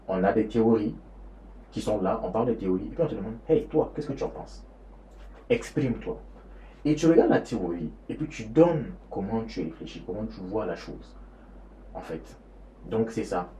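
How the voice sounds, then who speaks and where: Low-voiced young man from Niger. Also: lively intonation, moderate pace, dark tone, slight background noise. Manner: rambling, repetitive, many fillers. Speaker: student vlogger. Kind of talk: casual vlog monologue. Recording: roomy echo, faint ambience.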